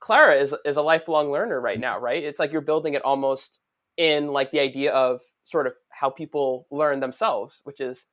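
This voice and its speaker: A man's voice: medium pitch, normal speed, a bit bright. A man hosting a podcast, asking questions with eager enthusiasm. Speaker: podcast host. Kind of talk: casual podcast interview.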